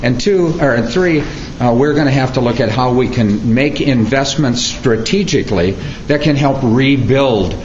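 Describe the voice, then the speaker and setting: A man running for office, answering reporters in an earnest, measured, halting way. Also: mid-range voice, darkish tone. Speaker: political candidate. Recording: echoey, muffled, noisy room.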